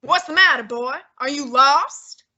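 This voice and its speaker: A woman voices a fussy, imperious, heavyset male detective in a student radio drama, fully in character. Her delivery is haughty, deliberate and commanding, pitched high with a sharp yet breathy tone, and the audio sounds dull.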